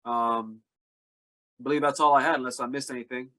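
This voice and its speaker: A man serving as town clerk, stuffy from allergies, talking in a halting, self-deprecating way. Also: mid-range voice, fairly even intonation, bright, forceful tone. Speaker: town clerk reading notices.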